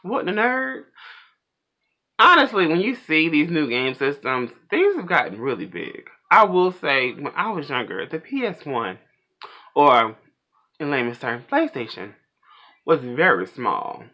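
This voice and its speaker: A man rants about pop culture news on his own vlog, chatty and opinionated. His voice is bright and sharp, and it swings widely up and down as he gets animated. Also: a little high, unhurried. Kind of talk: casual pop culture rant.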